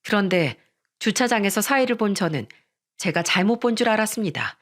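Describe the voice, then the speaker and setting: Lady reading out a listener's story, steady scripted narration, middle pitch. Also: brisk. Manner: steady first-person storytelling.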